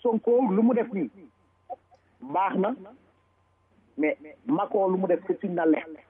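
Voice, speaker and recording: A man with a Senegalese French accent giving forceful political commentary, switching between Wolof and French and repeating words for emphasis. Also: high voice, expressive, unhurried, crowd noise. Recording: tinny phone-line sound.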